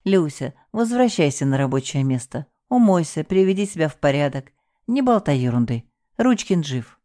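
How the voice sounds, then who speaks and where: A woman's voice: sits low, sing-song, normal speed, warm tone. A woman voicing a bossy, scheming middle-aged female hotel manager who gives curt, commanding orders. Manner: curt, commanding, falsely soothing.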